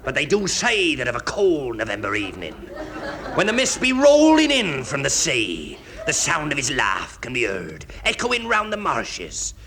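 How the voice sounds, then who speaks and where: A man's voice: mid-range voice, huge pitch swings, moderate pace, a crowd in the background. A man delivering scripted comedy banter as a radio show performer. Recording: very noisy recording, loud audience.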